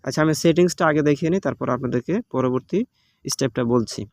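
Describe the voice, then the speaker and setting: A medium-pitched man with a darkish tone and fairly quick delivery gives a relaxed, step-by-step app walkthrough, captured on a phone. He has a Bangladeshi Bengali accent and is patient and repetitive as a tutorial host, with frequent fillers.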